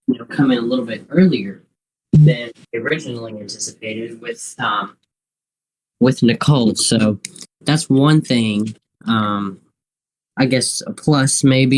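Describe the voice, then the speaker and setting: Man, medium pitch, live weather commentary, halting delivery, repeats himself, thinks aloud. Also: a little mellow, rough recording. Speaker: live weather stream host.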